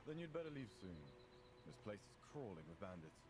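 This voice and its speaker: An actor playing a brisk, commanding and persuasive conscription officer in a video game. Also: male voice, lowish voice, sing-song. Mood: grim warning. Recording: game music behind the voice.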